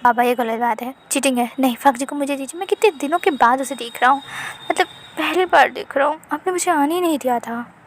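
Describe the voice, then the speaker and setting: A woman puts on a pouty teenage boy who coaxes and wheedles, his voice sitting fairly high and soft. He sounds playful and a little spoiled, pleading his case in a narrated story. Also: brisk, slight background noise, lightly acted. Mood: sulky.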